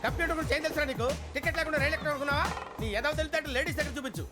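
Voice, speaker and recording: A blustering bossy bully. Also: male voice, very high voice, rapid-fire. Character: blustering bossy middle-aged man picking on a youth. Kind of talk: film comedy acting. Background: film score music.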